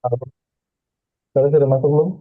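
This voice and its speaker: A man's voice: medium pitch, little pitch movement, fast. A male student answering in an online class while his video call audio is choppy and breaking up. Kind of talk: casual chat in online class. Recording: tinny lo-fi video call line.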